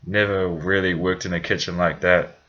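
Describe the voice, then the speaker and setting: Deep-voiced New Zealand man, rambling vlog. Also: level tone, normal speed, pushed and bright, highs cut off, slight background noise. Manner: rambling, full of fillers and self-corrections. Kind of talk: casual personal storytelling vlog.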